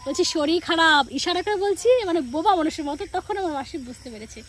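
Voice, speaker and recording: A high-pitched woman chats to her viewers while walking home through a village, with a phone in her hand. She has a sore throat and coughs, and she acts out her family's lines as she talks. Crickets and insects chirp faintly behind her. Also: lively intonation, fast, dark tone, slight background noise. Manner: chatty, speaks straight to viewers and acts out family dialogue. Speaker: village lifestyle vlogger.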